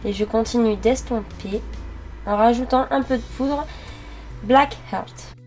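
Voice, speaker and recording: A young woman narrating her makeup routine step by step, pausing often with fillers as she works. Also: on the high side, mellow, faint music behind. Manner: halting, many fillers while working. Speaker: beauty vlogger. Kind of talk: makeup tutorial voice-over.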